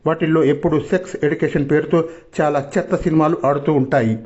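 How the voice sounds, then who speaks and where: A man reading a humorous short story aloud in a plain, steady storyteller's voice. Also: a little high, fast. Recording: dull lo-fi recording.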